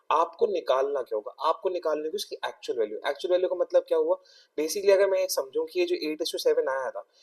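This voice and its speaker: A man's voice: a little high, darkish tone, far from the mic. A young Indian man teaching a maths exam-prep lesson, explaining step by step and often checking in with his students.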